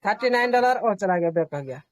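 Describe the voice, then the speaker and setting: A man's voice: high-pitched, expressive, fairly quick, no echo. A man hosting an online group meeting, explaining casually, repeating himself and reassuring the listeners while mixing in English terms.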